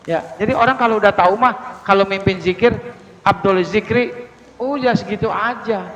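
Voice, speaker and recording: A male Indonesian preacher teaching prayer recitation, drilling words slowly with strong stress on each sound. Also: high-pitched, a bit bright, dull audio. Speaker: Islamic preacher. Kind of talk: religious teaching talk. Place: mosque hall. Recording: long hall reverb.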